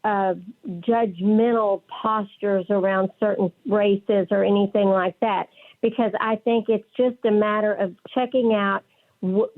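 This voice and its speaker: A woman with a West Texas twang, speaking conversationally as a counselor being interviewed on the radio. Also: mid-range voice. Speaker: interview guest, licensed professional counselor. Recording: phone-like narrow band.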